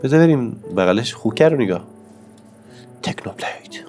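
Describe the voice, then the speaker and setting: A man with a hoarse voice from a cold, chatting excitedly to his viewers as he comments on his own gameplay. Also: mid-range voice, faint music behind. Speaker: gaming YouTuber.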